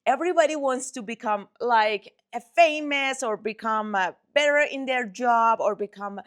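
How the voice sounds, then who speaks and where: A woman's voice: a little high, normal speed. Young woman host, eager. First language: Persian. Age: 20s. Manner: friendly, eager, simple phrasing. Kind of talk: interview hosting.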